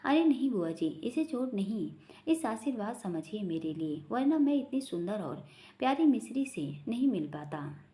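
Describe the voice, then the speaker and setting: A man's voice: high voice, sing-song, moderate pace, warm tone. Mayank, a woman voicing a cheeky joking young man. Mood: teasing. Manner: bantering, teasing.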